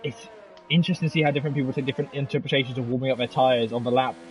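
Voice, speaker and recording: A man commentating on an online sim race, fast and animated, with chatty asides between calls. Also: medium pitch, poor audio.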